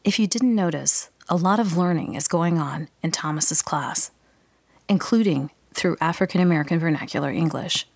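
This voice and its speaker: Woman, reporter, scripted feature narration, slightly low pitch, dry close recording. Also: normal speed, vocal fry, a little mellow, dry recording.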